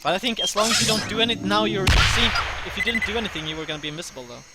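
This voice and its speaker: A man hosting a casual gaming session, chatting as he plays and often laughing and cursing. His voice sits a bit high. The recording has a heavy hiss of noise. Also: rapid-fire. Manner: swears and laughs often while playing. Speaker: host. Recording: very noisy audio.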